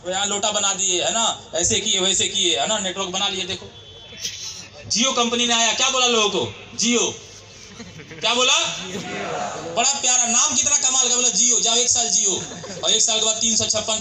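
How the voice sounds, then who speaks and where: Man, Bihari accent, motivational stage speech, piercing high voice, echoey hall. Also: moderate pace, very noisy. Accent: Bihari Hindi. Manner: loud, animated, addresses the crowd directly. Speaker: motivational speaker.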